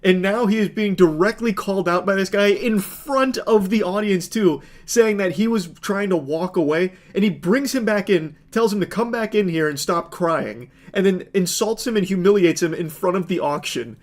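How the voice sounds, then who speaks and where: A man's voice: high-pitched, moderate pace, few pauses. A man giving sarcastic, exasperated reaction commentary. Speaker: online commentator.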